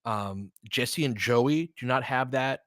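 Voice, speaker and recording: This is an American man speaking slowly in a mid-range voice as he hosts an unscripted sports livestream. He's candid, opinionated, and emphatic with his listeners, and he swears freely. The sound is clean studio quality with no room echo.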